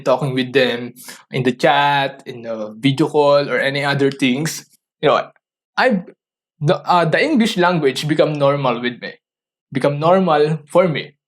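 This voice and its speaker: This podcast host, a native Tagalog speaker with a somewhat high voice, gives earnest motivational coaching on his own, asking listeners rhetorical questions. He speaks haltingly, often restarting what he's saying.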